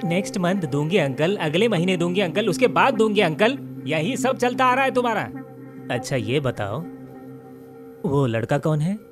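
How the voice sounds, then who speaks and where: A nosy middle-aged landlord in a Hindi film dub, nagging with sarcasm. His tone swings lively and sits a little high, with film music behind him. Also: moderate pace. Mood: needling.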